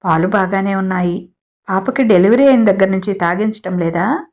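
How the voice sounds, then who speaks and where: A kind, brisk middle-aged mother asks worried, practical questions in a storybook reading, voiced by a woman in her own mid-pitched voice. The lo-fi recording sounds dull. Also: close to an everyday voice. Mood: concerned.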